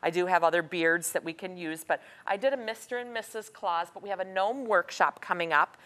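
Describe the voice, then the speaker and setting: A woman's voice: on the low side, brisk, fairly bright tone. Chatty woman demonstrating crafts on live TV. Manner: chatty, instructive, upbeat. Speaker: craft workshop guest. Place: TV studio.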